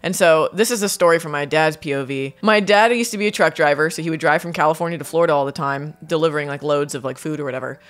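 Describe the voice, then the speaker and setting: A woman's voice: deep voice, quick pace, few pauses, faint music behind. Laughing, swearing woman podcast co-host. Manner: laughs often, swears freely, storytelling. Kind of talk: casual chat. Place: home studio with dogs present.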